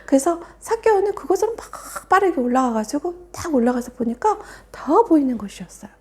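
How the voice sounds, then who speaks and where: Animated woman telling a children's sermon. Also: sits high, brisk. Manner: animated, with soft whispered emphasis. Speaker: children's Sunday school preacher.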